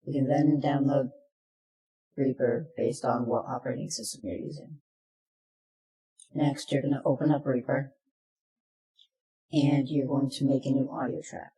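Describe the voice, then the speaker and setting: A software tutorial is narrated step by step in plain language, recorded in a room with noticeable echo. The presenter's mid-range voice stays steady at a measured pace and pauses often.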